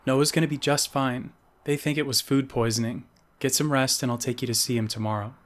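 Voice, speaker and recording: A man's voice: mid-range voice, fairly even intonation, brisk, voice pushed up, close to an everyday voice. A man voicing a loving mother of a teenage boy in a spoken novel reading, with a raised motherly tone. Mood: reassuring.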